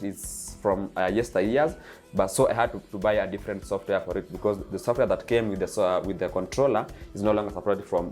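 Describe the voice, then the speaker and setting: A young Kenyan DJ and channel host, whose first language is Kikuyu, delivers a casual vlog monologue in a low voice with a Kenyan accent. He speaks eagerly and loosely, piling up repetitive lists and filling pauses with "uh," as faint music plays quietly beneath him.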